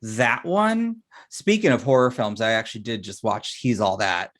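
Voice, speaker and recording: A man co-hosting a podcast in casual chat, relaxed, often sighing and dropping into a murmur. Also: fairly low pitch, moderate pace. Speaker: podcast co-host.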